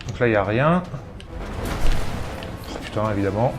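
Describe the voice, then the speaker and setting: A man's voice: fairly low pitch, expressive, moderate pace, music in the background. A man giving casual video game commentary, thinking aloud as he plays. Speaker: let's player.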